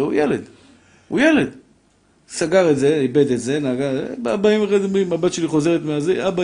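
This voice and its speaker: A middle-aged man giving a lively Torah lesson, acting out voices in his stories and addressing his listeners fondly. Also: fairly high pitch. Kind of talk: lively sermon with anecdotes.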